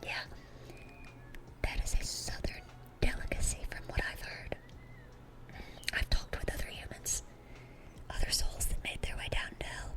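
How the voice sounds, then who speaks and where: A woman voices a dorky, affectionate young demon girl in a whispered ASMR roleplay, rambling and eagerly repeating herself. She speaks unhurriedly with frequent pauses in a natural voice, sounding proud and excited.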